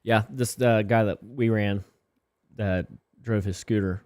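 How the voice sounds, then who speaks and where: This is a man who works as a firefighter, co-hosting a casual podcast and trading wry, joking remarks. His voice sits low for a man. The recording is close and dry. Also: fairly even intonation, takes it slowly, a little mellow, dry recording. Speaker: firefighter co-host. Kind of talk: casual chat.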